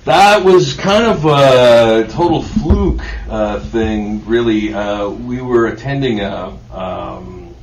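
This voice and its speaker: A man talking as a relaxed studio guest on a radio show, laughing easily and using many fillers. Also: mid-range voice, slow, hardly any pauses, far from the mic, a little hiss or hum. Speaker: guest artist. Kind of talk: casual radio interview. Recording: dull roomy studio sound.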